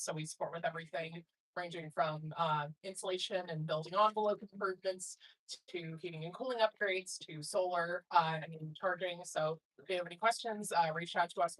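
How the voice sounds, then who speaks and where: A woman's voice: on the low side, poor audio. A woman giving a friendly, straightforward introduction of her nonprofit energy program at a meeting. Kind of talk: short self-introduction.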